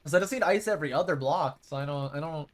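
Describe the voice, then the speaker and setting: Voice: mid-range voice, quick pace. A streamer rambling and thinking aloud over live gameplay in casual chat.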